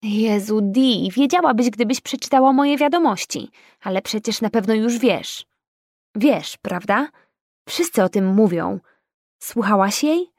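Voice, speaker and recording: A woman's voice: on the high side, animated, unhurried, darkish tone, no echo, clean studio sound. A woman voicing a teasing, domineering young woman who needles her old friend with ironic, pushy remarks.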